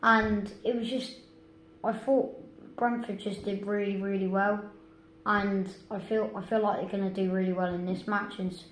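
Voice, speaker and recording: A woman's voice: mid-range voice, level tone, normal speed. A woman hosts a casual football prediction chat, talking in a chatty, hesitant way with many restarts. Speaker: host. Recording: echoey room, faint noise.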